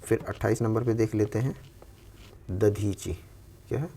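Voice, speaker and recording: Gravelly-voiced man teaching spelling. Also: lowish voice, fairly even intonation, mellow. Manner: explains step by step, repeats each word slowly. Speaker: Hindi exam coach. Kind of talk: spelling lesson for exam aspirants.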